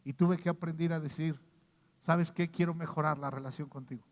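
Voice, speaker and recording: A man preaching a sermon as pastor, acting out quoted voices and swinging between loud outbursts and hushed lines. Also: on the high side, fairly even intonation, brisk. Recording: long reverb of a hall.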